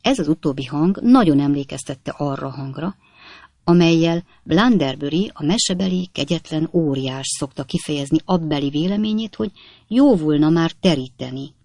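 A man reading a classic novel aloud as audiobook narrator, in measured storytelling. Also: fairly high pitch, expressive, a little mellow, dry recording. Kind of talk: scripted narration.

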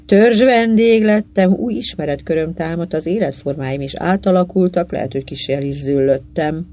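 A narrator reading a literary short story aloud in a measured, unhurried way. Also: mid-range voice, dark tone.

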